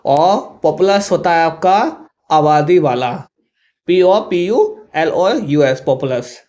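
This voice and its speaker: Speaking slowly and expressively in a high-ish, darkish voice, a Hindi-accented man teaches students English words that are easily mixed up. He spells them letter by letter, saying "thik hai" often, on a dull, lo-fi recording.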